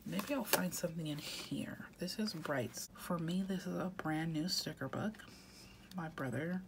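In a deep voice, a stuffed-up planner vlogger with a head cold talks casually as she works on her weekly planner at home, often half-whispering. Background noise can be heard.

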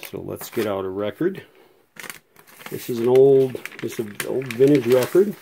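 Here a man speaks at normal speed in a mid-range, mellow voice with lively intonation and vocal fry. Casually demonstrating a vintage radio fix at his fluorescent-lit workshop bench, he rambles and hesitates with plenty of fillers, filming one-handed on a phone as the lights hum.

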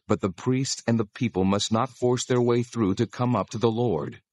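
An actor playing God as a solemn, commanding lawgiver in dramatized scripture, speaking in a measured, authoritative way with a husky voice. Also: male voice, medium pitch, darkish tone, dry recording, close to an everyday voice. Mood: stern, warning.

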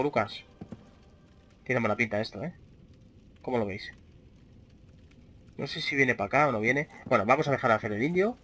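A man's voice: medium pitch, bright, forceful tone, a little hiss or hum. A man with a Spain Spanish accent giving casual let's play commentary, chatting freely with his viewers and swearing often. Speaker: gaming channel host.

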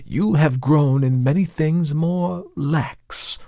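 A man voicing a calm, knowing male visitor who judges a murderer in a measured, coolly insistent way, in a dramatic audiobook reading. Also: on the high side, vocal fry, dry recording, studio quality, pitched above the performer's own voice. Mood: probing.

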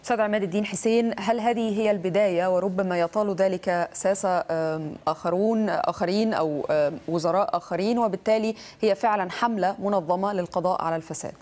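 Woman news anchor, very fast delivery, formal questioning, studio. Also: medium pitch, darkish tone. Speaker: news presenter.

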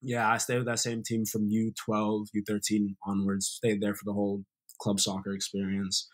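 A young man from Sierra Leone with an American accent, a former college soccer player, tells stories as a guest in a casual video-call interview. He's relaxed and full of fillers, with a lowish voice at normal speed, in a bright indoor room.

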